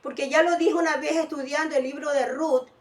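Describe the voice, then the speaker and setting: A woman's voice: high-pitched, fairly even intonation, brisk, roomy sound, recorded from a distance. A woman preaching a sermon, often calling her listeners beloved, with many restarts as she explains. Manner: calls listeners "amados" often, restarts and fillers.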